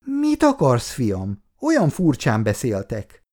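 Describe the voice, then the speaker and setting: A man's voice: wildly swooping pitch, a little mellow. A male reader voicing a fierce, emotional elderly mother who scolds her grown sons. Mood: suspicious. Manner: scolding, shrill outbursts.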